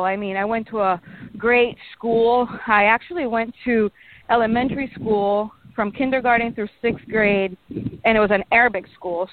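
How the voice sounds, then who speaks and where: A woman's voice: medium pitch, no room sound. Panamanian-accented woman on a tinny line. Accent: Panamanian Spanish. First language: Spanish. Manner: friendly, chatty, frequent fillers and light laughs. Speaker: guest meteorologist. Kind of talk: radio interview. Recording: dry, tinny phone line.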